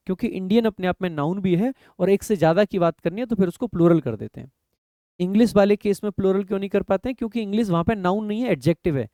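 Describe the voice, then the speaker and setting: A young man with a high, mellow voice gives an exam-prep grammar lecture in Hindi for competitive exams. He explains patiently and reads rules slowly, posing his students' doubts as questions and answering them himself. The recording is close and dry, with no room sound.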